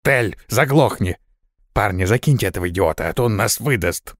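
A man voicing a curt male squad commander who barks hushed orders in the dark. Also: on the low side, animated, moderate pace, no room sound. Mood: urgent.

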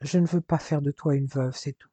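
A tender, worried young man in a spoken novel, voiced by a male reader. The voice is warm and slightly husky, dry and close. He pleads gently and earnestly. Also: on the high side, steady tone, brisk, no room sound, natural voice.

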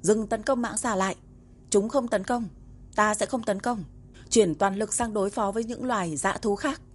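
Older storybook king barking urgent orders , read by a woman, raised and loud. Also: mid-range voice, normal speed, slightly rough, close to an everyday voice.

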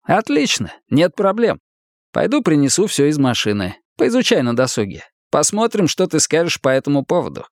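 A man's voice: fairly high pitch, wildly swooping pitch, moderate pace, darkish tone, dry recording, clean studio sound. A man voicing a brash, profane, pushy middle-aged ex-cop who talks in a coarse, swaggering way. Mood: eager.

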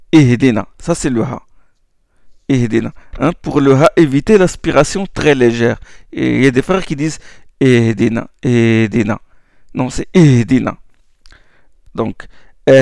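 A man teaching Quran recitation, explaining letter sounds slowly with many hesitations and checks like "hmm?", and demonstrating sounds aloud. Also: mid-range voice, gravelly, no room sound, studio quality. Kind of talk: slow classroom explanation.

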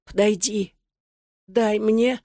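Woman reading a feverish girl, hoarse and weak, pitched a little above her own voice, dry close sound. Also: fairly even intonation, slow, dark tone, no echo, lightly acted. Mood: hoarse beckoning. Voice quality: hoarse, whispering. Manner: weak, pleading. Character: sick frightened girl pleading hoarsely.

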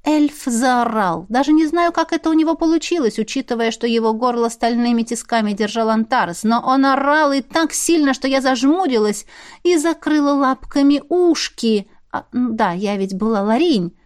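A woman reading a first-person fantasy novel aloud in a wry, lively way. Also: on the high side, moderate pace. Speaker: audiobook reader.

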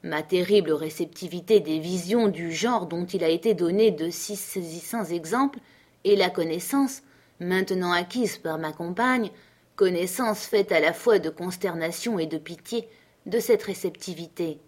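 Woman narrating a classic audiobook, lowish voice. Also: moderate pace, darkish tone.

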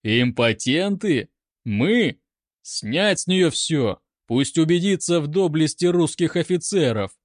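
Man playing an arrogant officer, mocking, commanding, drawn-out delivery, slightly raised voice. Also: a little high, lively intonation, dry recording, studio quality, pitched above the performer's own voice.

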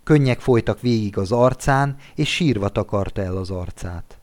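A man narrating a classic literary story for an audiobook. He reads expressively, and his voice sits a little low. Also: a little mellow. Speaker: audiobook reader.

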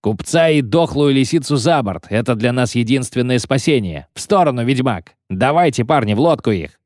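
A man doing a brash rough mutineer. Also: mid-range voice, animated, moderate pace, a little mellow, no echo, clean studio sound, pitched above the performer's own voice, close to an everyday voice. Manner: brash, coarse. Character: rough male mutineer sailor, brash and threatening.

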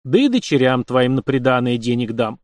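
A man's voice: medium pitch, animated, normal speed, no echo, clean studio sound, close to an everyday voice. A man voicing a confident young nobleman who speaks in an assured, matter-of-fact, commanding way. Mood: persuasive. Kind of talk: audiobook character voice.

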